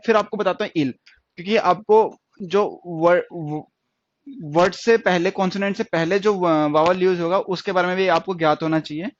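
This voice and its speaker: A man teaching stenography in an online lesson, explaining step by step and repeating words and sounds slowly. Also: high-pitched, no echo. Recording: dry, dull lo-fi sound.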